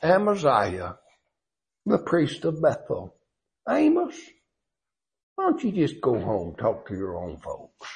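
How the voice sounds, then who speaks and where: A man voicing a condescending priest who mocks a prophet in a drawn-out sing-song. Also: medium pitch, huge pitch swings, creaky, full character voice. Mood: mocking. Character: sneering condescending male priest.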